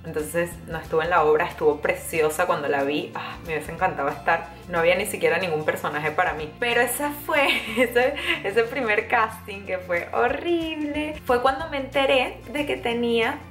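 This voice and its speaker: A young woman from Venezuela with a Venezuelan accent, telling a casual story to camera in a chatty, animated way with many fillers and restarts. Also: mid-range voice, moderate pace. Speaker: vlogger. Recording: echoey room, faint music behind.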